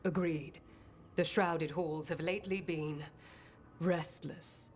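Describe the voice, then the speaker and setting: A woman's voice: sits low, fairly even intonation, slow pace. A woman playing a stately, commanding member of a necromancer order in a video game, speaking formally and with measure. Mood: formal, composed. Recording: music under the voice.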